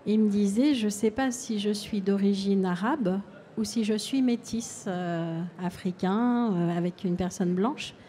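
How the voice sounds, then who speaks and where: A woman hypnotherapist giving a calm, explanatory public talk and answering audience questions at a fair. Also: mid-range voice, unhurried.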